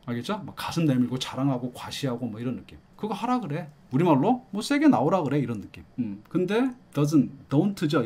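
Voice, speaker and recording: With a slightly rough, somewhat high voice, this middle-aged lecturer explains exam-prep material in a lively, coaxing way. He puts questions to his students and keeps checking in with "알겠죠?", meaning "got it?".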